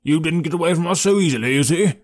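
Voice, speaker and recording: A man's voice: fairly high pitch, quick pace, pitched above the performer's own voice, close to an everyday voice. A man voicing a blustering, self-satisfied male police inspector in an audiobook reading. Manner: hearty, pompous, exclaiming.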